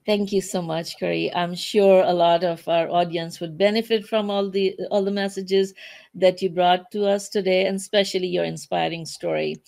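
A woman's voice: lowish voice, steady tone, normal speed, creaky, a little mellow. Woman hosting a weekly online talk. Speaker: host.

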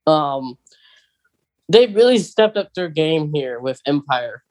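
A man co-hosts a podcast, chatting casually and eagerly like a big fan, talkative and full of ums. His voice sits on the high side, animated, and his pace is slow.

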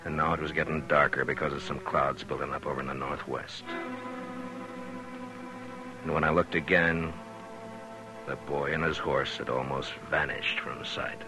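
An American actor playing a gruff but kindly middle-aged frontier marshal in a 1950s radio western. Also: male voice, very deep voice, fairly even intonation, normal speed, pauses often. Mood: reflective. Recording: vintage radio recording, music behind.

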